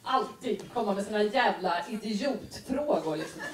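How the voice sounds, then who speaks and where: A woman's voice: medium pitch, animated, far from the mic. A woman comedian doing stand-up, telling self-mocking stories about her kids. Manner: self-deprecating, quick anecdotal storytelling. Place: comedy stage. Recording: echoey venue, heard from afar.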